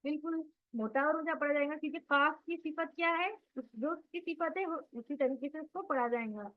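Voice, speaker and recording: A woman's voice: sits high, fairly quick, narrow, tinny audio. A woman teaching Quran recitation in an online class, patiently drilling sounds and quizzing her students.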